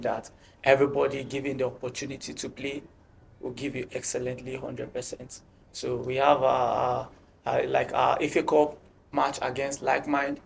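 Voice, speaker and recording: A man with a gravelly, creaky voice, speaking as a football team captain in an interview. He talks haltingly, stumbling over and repeating words. Light noise sits under the recording. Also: mid-range voice. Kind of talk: interview answers.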